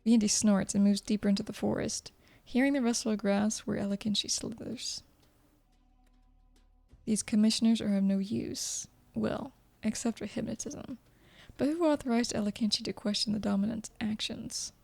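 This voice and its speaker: A woman's voice: medium pitch, fairly even intonation, normal speed, creaky, darkish tone, faint music behind. A woman reading a video game story aloud as dramatic narration. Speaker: gameplay commentator and narrator.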